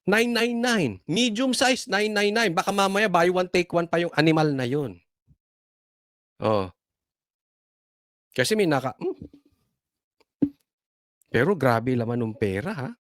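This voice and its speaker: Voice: mid-range voice, expressive, a little slow, long pauses, no room sound, clean studio sound. A political commentator talking casually, sarcastic and full of rhetorical questions, chuckling between points.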